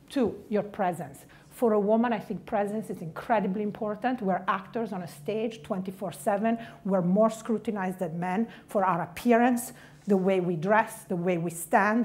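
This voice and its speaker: Speaking with an Italian accent, this middle-aged woman from Italy delivers a direct, punchy motivational talk about careers, hitting key words hard. Her voice is medium in pitch with a darkish tone.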